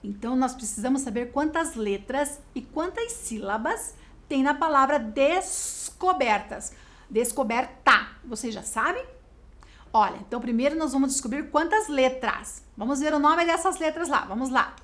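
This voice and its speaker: A Brazilian woman teaching a video lesson to schoolchildren, explaining slowly and spelling out words clearly. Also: high-pitched, lively intonation, a bit bright. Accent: Brazilian Portuguese.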